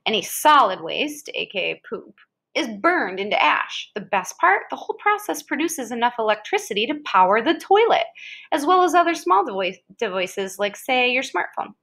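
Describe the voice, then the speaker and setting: In a fairly high, sing-song voice with a fairly bright tone, an American woman reads an educational article to a child at normal speed. Her delivery is conversational, punctuated by brief casual asides and reactions.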